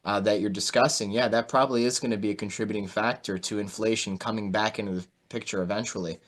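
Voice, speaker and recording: A market analyst hosts an interview online, his voice on the low side, steady in tone and fast. The commentary is casual and chatty, full of "you know," and it comes through a video call.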